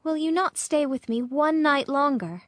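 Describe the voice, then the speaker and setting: A woman playing a noble, sorrowful statue prince in a storybook, speaking gently, pleadingly and in measured phrases. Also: high-pitched, expressive, dry recording, clean studio sound. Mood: pleading, compassionate. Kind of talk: acted storybook dialogue.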